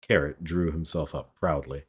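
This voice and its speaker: Low-voiced, husky male streamer reading aloud. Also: moderate pace. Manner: relaxed, chatty asides to viewers. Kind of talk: live-stream book reading with casual asides.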